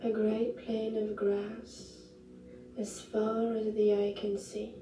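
A woman leads a guided meditation like a sleep story narrator, soothing and gentle. Her delivery is slow and hushed, with long pauses. The sound is roomy and echoing, with music behind her. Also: mid-range voice, monotone. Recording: roomy echo, distant mic, music behind.

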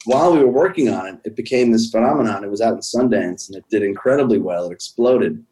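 A man talking as an interview guest, explaining things in a measured way. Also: fairly low pitch, warm tone, rough recording. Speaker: guest, visual effects professional. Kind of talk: casual interview chat.

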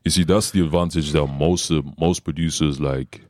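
A man's voice: rumbling low, steady tone, normal speed, a little mellow, dry recording, studio quality. A young man in casual chat, explaining things in slang and often checking that he is understood. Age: young adult. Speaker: musician.

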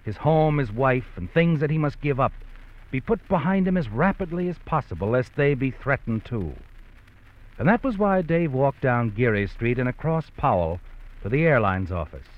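An actor playing an ominous, all-knowing male narrator of dark tales in a theatrical, insinuating 1940s radio style. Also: medium pitch, big pitch swings, normal speed, natural voice. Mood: foreboding. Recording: muffled vintage radio recording, music behind.

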